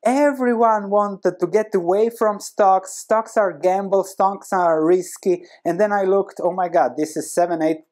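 Wearing a lapel mic in a small bookshelf-lined room, a Croatian man in his thirties who hosts an investing channel explains a book's ideas to camera. His voice sits high, his pace is measured with few pauses, and his accented delivery is lively and conversational, driven by emphatic repetition.

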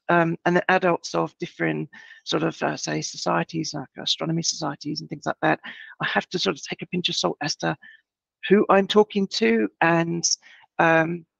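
A woman presents an astronomy lesson, her voice gruff and strongly gravelly from the early hour. She speaks haltingly, with many ums and restarts. The audio is dull and dry, with no room sound. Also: on the low side, no room sound. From United Kingdom. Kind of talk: online presentation talk.

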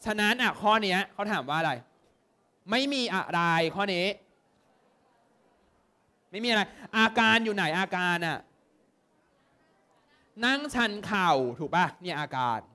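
A young man from Thailand leads an exam-prep lesson, his voice sitting high for a man. He talks in a lively way and keeps pausing to ask students whether they follow. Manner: lively, constantly checks understanding with quick questions. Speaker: tutor.

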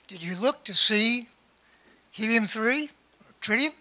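A man's voice: sits high, animated, takes it slowly, pushed and bright. An older man in the audience asking probing technical questions at a stand mic.

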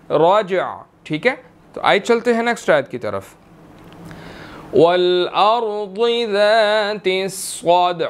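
A man teaching Quran tajweed in a recorded lesson, reciting verses slowly and drawn out, then explaining each letter and saying "theek hai" often. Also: sits high.

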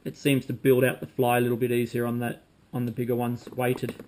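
A man, calmly demonstrating fly tying at a desk at home, talking while he works with frequent ums. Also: medium pitch, fairly quick. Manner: relaxed, talks while working, frequent ums. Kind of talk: casual demonstration. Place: home room with bookshelves, indoors.

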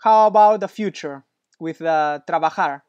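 A man's voice: a little high, normal speed, a little mellow, clean tone, no echo, dull audio. A man tutoring Spanish one-on-one, patient and encouraging, praising often, with slightly non-native English phrasing. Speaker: Spanish teacher.

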